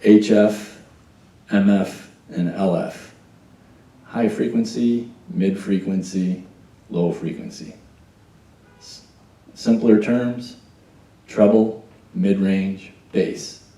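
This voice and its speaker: Speaking extremely slowly with frequent pauses, a man with a lowish, mellow voice gives hands-on training at a church sound desk indoors. He explains patiently one step at a time and tests a mic with "check, one, two." The audio is poor and roomy, captured from a distance.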